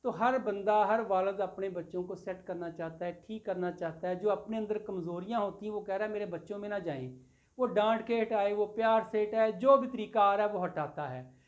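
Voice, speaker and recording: A woman teacher walks her students through an English poem line by line. She reads each phrase, then glosses it over and over in simple words. Her voice sits at an everyday middle pitch for a woman, and she speaks with patient, familiar warmth toward the class. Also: brisk. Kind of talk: classroom lecture explaining a poem.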